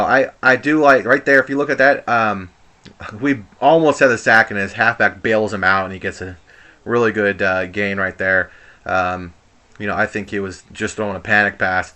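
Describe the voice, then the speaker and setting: Bright-voiced man doing casual gameplay commentary. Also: lowish voice. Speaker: gamer commentating on own gameplay.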